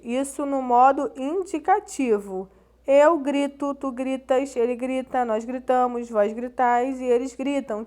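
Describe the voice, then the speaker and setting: Female teacher, high-pitched, patient and methodical, walking students through a lesson. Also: darkish tone. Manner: patient, explains step by step to students. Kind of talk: recorded grammar lesson.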